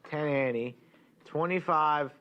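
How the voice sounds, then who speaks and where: A man's voice: fairly high pitch, slow, muffled recording. A man at a poker table, chatting and joking casually with the other players. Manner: joking, chatty, asks for reassurance.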